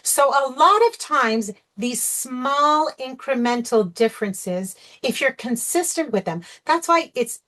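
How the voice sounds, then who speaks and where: A woman's voice: high voice, expressive, slow, few pauses, sharp tone. A woman coach leading an online workshop over a video call, talking conversationally and checking in with "okay?" and "you know". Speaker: sugar-free recovery coach. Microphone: video call microphone.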